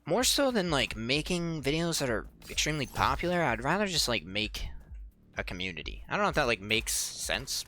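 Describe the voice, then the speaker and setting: A young man commenting on his own gameplay, chatting with viewers in an exasperated, joking way, his voice cracking from a dry throat. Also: medium pitch. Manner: animated, exasperated banter with viewers. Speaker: gaming channel host. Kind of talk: let's play commentary. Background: faint game music.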